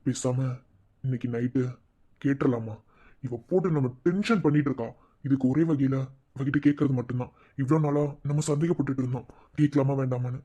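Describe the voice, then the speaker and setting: A man's voice: a little fast, dark tone, husky, muffled recording, lightly acted. A man voicing a worried young married man in a cartoon, muttering his thoughts in a Madurai Tamil accent. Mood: brooding. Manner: low, muttering inner monologue. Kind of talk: cartoon voice acting.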